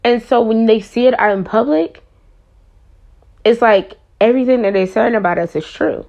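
A woman's voice: on the high side, moderate pace, creaky, darkish tone, lo-fi sound. Impassioned, blunt young woman venting. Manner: impassioned, blunt, swears freely. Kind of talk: candid personal monologue.

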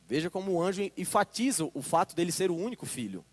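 Brazilian male preacher, high and lively, sermon style, reverberant hall sound. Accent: Brazilian Portuguese. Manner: reads scripture slowly with emphasis, asks the congregation "Amém?". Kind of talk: sermon with scripture reading.

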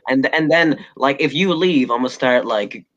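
A man co-hosts a loose podcast from home, joking crudely and swearing constantly. His voice sits in an ordinary middle pitch. The recording sounds dull and lo-fi. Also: moderate pace, fairly bright tone. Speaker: podcast co-host. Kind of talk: casual chat.

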